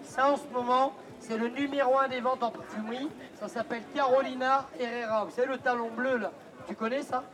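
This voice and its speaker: Male fairground pitchman, high voice, loud insistent barker patter with teasing asides, outdoors amid a busy crowd. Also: fairly even intonation, a little fast. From France. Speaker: street-fair perfume pitchman. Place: outdoors at a busy street fair. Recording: outdoor street fair with crowd noise.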